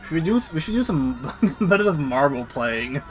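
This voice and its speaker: Lively rambling male streamer. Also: on the high side, a little fast, faint music behind. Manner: rambling, laughs easily, lots of fillers. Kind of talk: casual watch-along chat.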